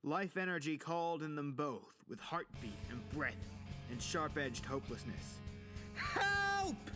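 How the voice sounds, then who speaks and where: Reading a scripted, dramatic audiobook story at normal speed, a man speaks in a voice on the high side. Music with guitar runs beneath his narration.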